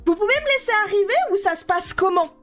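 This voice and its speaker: A woman with a very high voice greets her live-stream chat, playful and full of exclamations. She pleads with her viewers in mock despair. Faint music plays behind her. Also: expressive, quick pace, fairly bright tone.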